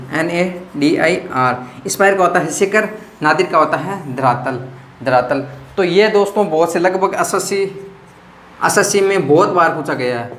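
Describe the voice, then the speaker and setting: Male tutor, high-pitched, repetitive quiz-style teaching, roomy echo. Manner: repetitive question-and-answer teaching, addressing viewers as friends. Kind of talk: exam-prep grammar lesson. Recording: echoey room with faint noise.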